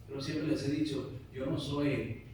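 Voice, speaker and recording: A man's voice: medium pitch, fairly even intonation, a little slow, a little mellow, a little hiss or hum. A pastor preaching a sermon to his congregation, building to emphatic peaks and repeating "brothers" again and again. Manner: preaching with rising emphasis, repeating "hermanos" often. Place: church sanctuary. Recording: very echoey church hall from a distance.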